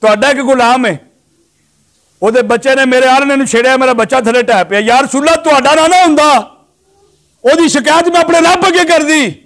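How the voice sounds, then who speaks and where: A man's voice: extremely high pitch, fairly quick, a bit bright, pitched above the performer's own voice. A man voicing a grieving mother sparrow. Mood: pleading. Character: grieving mother sparrow pleading for her chick.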